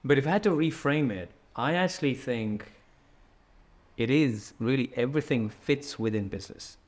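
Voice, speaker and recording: A man speaking as a podcast guest, relaxed and joking, thinking aloud and often checking in with "right?". He talks in person with the host in an indoor room. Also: mid-range voice, normal speed. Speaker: podcast guest, product executive. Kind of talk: casual conversational interview.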